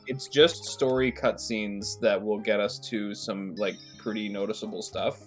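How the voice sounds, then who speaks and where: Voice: medium pitch, fairly even intonation, unhurried, faint music behind. A co-streamer in casual chat over a video game, wry and teasing, laughing often. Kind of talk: casual let's-play chat.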